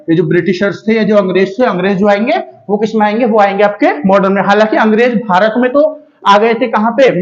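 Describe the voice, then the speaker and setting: A man with a high voice teaches a casual history lesson for exam students. He keeps asking rhetorical questions and answering them himself, checking in often with his listeners. The recording sounds dull and lo-fi.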